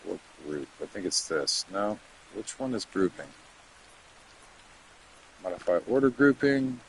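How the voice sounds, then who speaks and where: This game streamer, a man in his thirties, has a lowish, sing-song voice and takes his time. He talks casually to his audience during gameplay, drifting between topics and muttering as he works through menus. The recording is rough, with slight background noise.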